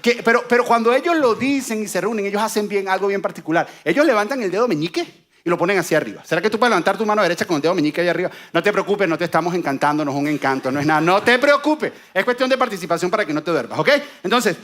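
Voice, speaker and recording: A man preaching a sermon, telling a story and joking with the congregation in an animated way. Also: high voice, racing.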